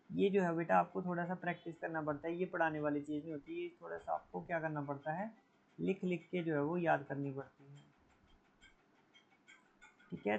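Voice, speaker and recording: A man teaching an exam prep lesson, calling students "beta" and repeating each correction with a quick "theek hai". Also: a little high, gravelly. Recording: dull lo-fi recording.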